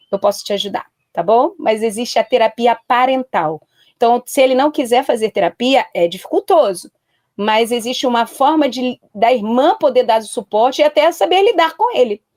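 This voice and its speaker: A woman's voice: a little high, darkish tone, no echo. Earnest, emphatic woman giving advice. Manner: earnest, emphatic, repeats warnings for stress. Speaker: guest counselor. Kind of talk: live-stream talk show advice.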